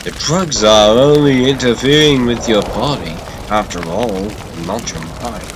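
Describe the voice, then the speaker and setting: A man voicing a gleefully sadistic, unhinged clown supervillain in a comic dub, theatrical and taunting, lurching between hushed and shrieking. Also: medium pitch, unhurried, background noise, lightly acted. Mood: mock sympathy.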